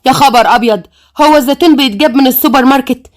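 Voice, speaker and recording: A fussy, sharp-tongued young daughter, put on by a woman narrator, with an Egyptian accent. She talks in a high, shrill, indignant voice at a fast clip, lecturing everyone around her in this audio story. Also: close to an everyday voice.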